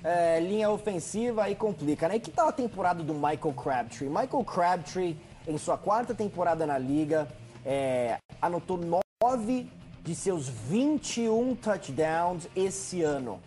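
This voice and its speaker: A man with a Brazilian accent giving conversational sports highlights commentary as a show analyst. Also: expressive, measured pace, darkish tone.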